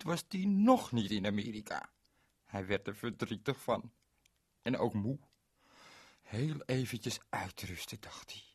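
A man's voice: medium pitch, darkish tone, husky, no room sound, clean studio sound. A man narrating a children's story in a playful way, talking directly to the young listener.

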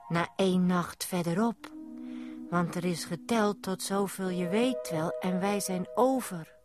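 Brief: worn-out men murmuring in the dark, voiced by a woman reading, slow and hushed, music underneath. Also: on the low side. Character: weary hushed men in a dark sleeper car.

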